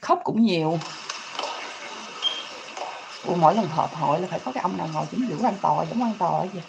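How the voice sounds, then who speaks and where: A Vietnamese single mother with a Southern Vietnamese accent, chatting excitably on a home livestream and mixing in broken English. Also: fairly low pitch, fast talker, gravelly, noisy background. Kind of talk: casual livestream chat.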